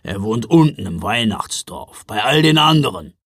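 A man voicing a gruff, shaggy old man who grumbles but is kind underneath, in a children's audiobook. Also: lowish voice, big pitch swings, moderate pace, a bit bright, no echo, clean studio sound. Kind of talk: audiobook character voice.

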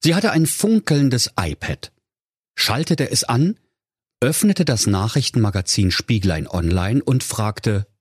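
Male storyteller, mock-solemn comic fairy-tale reading; lively melodic delivery, dry. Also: mid-range voice, slow pace, slightly rough, dry recording.

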